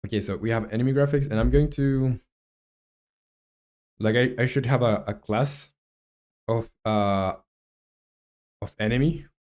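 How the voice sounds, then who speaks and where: A man whose first language is Spanish hosts a casual live game development stream, reading from chat and musing aloud in a hesitant, halting way. His voice is medium in pitch with a darkish tone.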